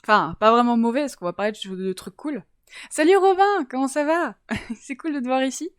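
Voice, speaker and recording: A woman's voice: high-pitched, expressive, fairly quick, clear, resonant tone, no echo, studio quality. A woman from around Toulouse hosting a casual science live-stream, chatty and giggly, greeting viewers in the chat.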